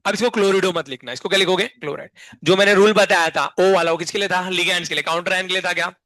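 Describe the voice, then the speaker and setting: High, bright-voiced chemistry teacher drilling class. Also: male voice, steady tone, quick pace, no room sound. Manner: constantly quizzes the class with repeated questions; drills mnemonics in a playful sing-song. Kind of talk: classroom lecture.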